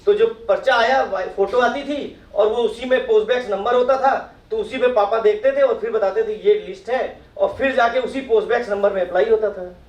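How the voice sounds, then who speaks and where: Middle-aged male speaker at a professional meet; quizzes the room, high pitch, distant roomy sound. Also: moderate pace, hardly any pauses, a little mellow, highs cut off. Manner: asks the audience questions and acts out their replies. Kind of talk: motivational talk to an audience. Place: meeting hall with audience. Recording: echoey hall, mic from far off.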